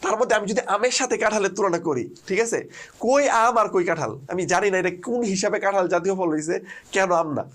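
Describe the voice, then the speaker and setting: A man's voice: sits high, fast, a bit bright. A young man, teaching an online lesson with mnemonics, quizzing listeners and answering himself. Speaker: admission test tutor. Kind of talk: energetic online lesson with call-and-response mnemonics.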